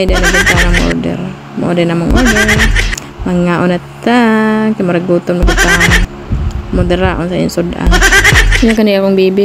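A woman's voice: fairly low pitch, creaky. A woman in her thirties with a Cebuano accent, chatting casually through a family vlog with frequent laughs and English phrases mixed in. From Philippines. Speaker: family vlogger. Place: outdoor seaside barbecue spot at night. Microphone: phone held at arm's length. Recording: loud outdoor background noise.

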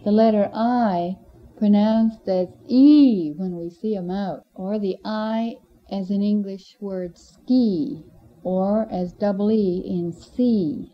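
A woman teacher giving clear, measured explanations of vowel sounds in a language lesson. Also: medium pitch. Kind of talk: instructional narration. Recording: dull lo-fi recording with faint noise.

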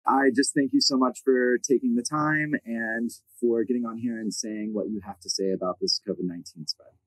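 A man's voice: mid-range voice, steady tone, normal speed, no echo, low-quality recording. A man in his thirties hosting a video podcast from his backyard, speaking earnestly and thanking his guest. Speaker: host. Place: backyard garden outdoors.

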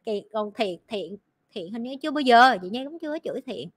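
A woman's voice: a little high, animated. A woman hosting a livestream, chatting bluntly and teasingly with her team. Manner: blunt, teasing, talks fast in bursts. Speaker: livestream host. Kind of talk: casual livestream chat with team.

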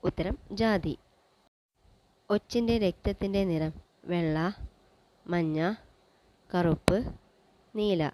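A woman presenting a general-knowledge quiz, reading each question and its options in a measured, list-like way. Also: fairly low pitch, warm tone, a little hiss or hum, rough recording.

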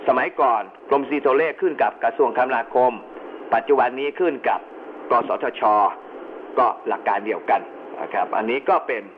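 A man giving an explanatory lecture as an instructor, going step by step with informal asides. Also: medium pitch. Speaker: instructor in amateur radio emergency communications. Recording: narrow phone-like band with clear background noise.

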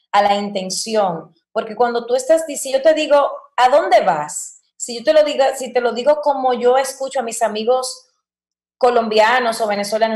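Woman, voice coach, higher voice, animated explanations, roomy echoey sound. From Dominican Republic. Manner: expressive, acts out quoted examples. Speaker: guest voice-over coach. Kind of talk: conversational podcast interview. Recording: roomy echo.

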